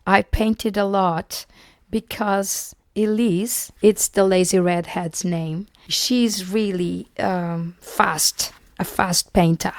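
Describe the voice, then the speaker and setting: A woman artist who is sick and has lost most of her voice, talking in a scratchy, breathy half-whisper in a chatty, apologetic vlog, close to a new mic. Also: medium pitch, fairly even intonation, slow pace, dry recording. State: sick, voice mostly gone, whispering. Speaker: artist and illustrator vlogger. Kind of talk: casual vlog talk.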